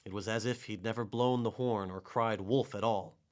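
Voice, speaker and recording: Man reading a kids fable, lowish voice, gentle and steady. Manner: gentle, measured storytelling. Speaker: narrator. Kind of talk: storybook reading.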